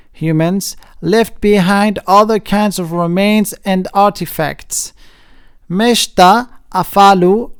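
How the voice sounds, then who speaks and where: Smooth-voiced hesitant explainer from North Africa. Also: mid-range voice, darkish tone. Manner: hesitant, frequent uh fillers and restarts, explains terms. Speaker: channel host. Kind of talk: informal explanatory talk, partly read aloud.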